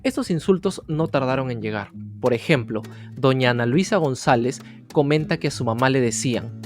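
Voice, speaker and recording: Guy telling a history story to the viewer, guitar playing loud behind him. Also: medium pitch, animated, normal speed. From Peru. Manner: storytelling, speaks directly to the viewer. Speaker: history narrator. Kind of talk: educational narration. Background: guitar music.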